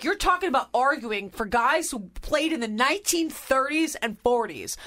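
A woman hosts a casual sports talk show with a fairly high voice. She argues her points emphatically and stays fired up. Her tone is chatty and opinionated throughout. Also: fairly bright tone. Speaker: podcast host.

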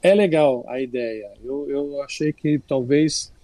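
An older man with a Brazilian Portuguese accent talks through a theatre review in a relaxed, chatty way, often restarting his sentences. The studio sound is dry and close, and his voice sits at a middling pitch. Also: takes it slowly, no echo. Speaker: culture critic. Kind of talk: radio culture segment chat.

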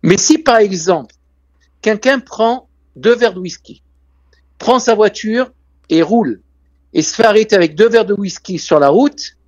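A man's voice: high voice, expressive, measured pace, pauses often, darkish tone, no room sound, highs cut off. A man with a foreign, Israeli accent in French tells travel anecdotes conversationally as an interview guest, emphatically repeating key phrases. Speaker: interview guest, real estate and tourism businessman.

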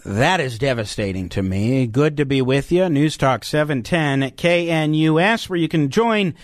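An American man hosting an opinionated radio talk show, speaking emphatically with halting self-corrections into a studio microphone. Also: on the high side, lively intonation, no room sound. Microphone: close studio radio microphone.

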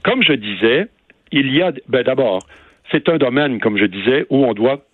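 A man's voice: medium pitch, expressive, moderate pace, no echo. A man with a Québécois French accent argues his case in an emphatic, lecturing tone, like a guest calling in to a radio debate. His voice comes through a narrow, tinny telephone line with no room sound at all. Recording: dry phone line.

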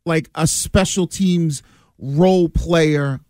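A man's voice: a little high, slow pace, warm tone, dry recording, studio quality. An American man, a former player, talking sports casually as a radio panelist, reasoning aloud and often repeating himself.

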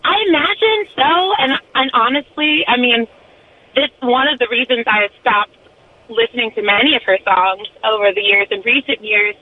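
A woman calls in to a radio show, her voice coming through a thin, tinny phone line. She talks earnestly and thoughtfully, pausing with frequent ums as she works through her point. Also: fairly high pitch, a little hiss or hum. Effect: heard over a phone line. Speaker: caller.

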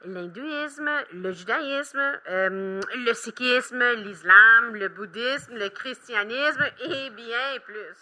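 A woman explaining things to children on a kids' show in a patient, friendly way, pausing with fillers as she looks things up. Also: fairly high pitch, pushed and bright. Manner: patient, explanatory, hesitant fillers while searching. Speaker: children's show expert guest.

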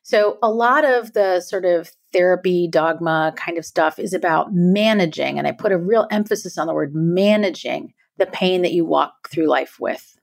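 A middle-aged woman talks earnestly as a podcast guest, her voice sitting low. There is a gravelly fry running through it. She keeps tagging her points with "right?". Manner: earnest, emphatic, frequent "right?" tags. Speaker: guest author. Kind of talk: reflective podcast conversation.

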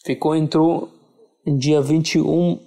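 A man whose first language is Arabic, telling a painful personal story in plain, halting phrasing as an interview guest. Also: a little high, fairly even intonation, gravelly, dark tone. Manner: simple, halting non-native Portuguese phrasing.

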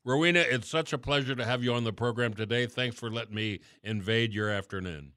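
Chatty radio host, bright dry voice. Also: male voice, medium pitch, a little fast, clear, resonant tone, no echo. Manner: chatty, relaxed, trailing off at phrase ends. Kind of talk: casual radio talk and interview.

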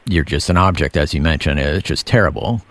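A man hosting a faith-based interview, calm and affirming, often murmuring agreement as his guest speaks. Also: very deep voice, a little fast, dry recording. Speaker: interview host.

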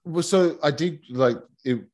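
Speaking at a measured pace, this man has a slightly high voice with a darkish tone. He's an Australian guest in an interview who teaches massage to couples, and his casual talk wanders with many fillers and false starts.

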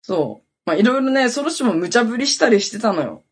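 A woman hosts a podcast and tells a rambling, anecdotal story in casual chat. Her voice has a husky, breathy edge. Her pitch swings widely as she goes, and she scatters fillers throughout. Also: very animated, fast. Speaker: podcast host.

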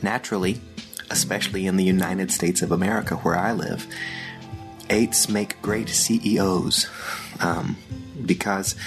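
Slow-spoken Austrian-accented man, very low gravelly voice. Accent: Austrian German. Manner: slow, thoughtful, with frequent fillers. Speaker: podcast host. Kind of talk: solo podcast teaching.

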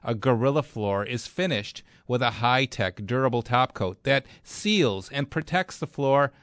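A man's voice: mid-range voice, lively intonation, a little slow, a bit bright, no room sound. An American man works as a radio host, giving conversational product endorsements. His voice sits in a middle register. The sound is very dry, as in a studio. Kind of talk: live radio advertising chat and endorsement.

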